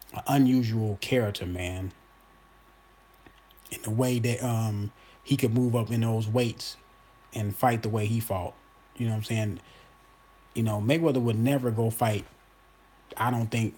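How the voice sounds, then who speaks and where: A man's voice: fairly low pitch, darkish tone, slightly rough. A man in his forties giving his opinion in a casual monologue, emphatic and repetitive, talking straight to his viewers. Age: 40s. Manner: emphatic, repeats himself, addresses viewers as y'all. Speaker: boxing commentator host.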